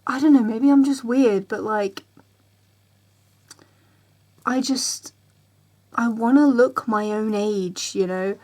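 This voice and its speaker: In a casual ranting vlog, a woman in her 20s addresses the camera directly with a fairly high, slightly mellow voice, taking her time and leaving long pauses. Chatty and repetitive, she rambles and imitates other people's reactions.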